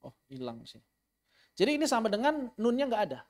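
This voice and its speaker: Man, high voice, tajweed teacher who repeats terms and demonstrates recitation. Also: wildly swooping pitch, a little fast, darkish tone. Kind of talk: online tajweed lesson.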